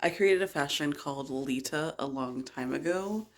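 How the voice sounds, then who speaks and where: A vlogger with a slightly high voice talks at a moderate pace from his bedroom, chatting casually in a rambling, blunt manner that slips into swearing. The home recording is noisy, with clicks.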